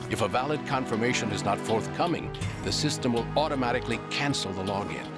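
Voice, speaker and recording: A man playing a composed, serious informant in a video game, explaining secrets in a measured, matter-of-fact way. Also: medium pitch, over loud music, close to an everyday voice. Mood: serious, explanatory. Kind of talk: dramatic video game exposition.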